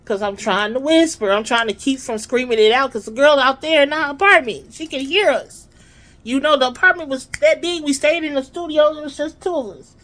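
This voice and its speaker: A woman hosting her own vlog, telling a story in an animated, chatty way and talking straight to her audience. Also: high voice, a little fast. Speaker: vlog host. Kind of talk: casual storytelling to viewers.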